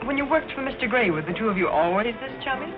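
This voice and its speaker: A woman's voice: fairly high pitch, lively intonation, fast talker, natural voice. An actress playing a haughty, sly, spoiled young rich woman in 1930s screwball film style, clipped and needling. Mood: sly, probing. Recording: muffled 1930s film soundtrack with music.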